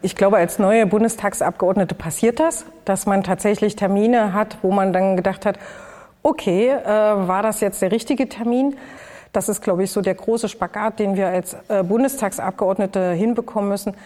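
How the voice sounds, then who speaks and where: A woman's voice: medium pitch, steady tone, moderate pace, warm tone. A woman, a newly elected member of parliament, talking reflectively in a documentary interview and sometimes searching for words.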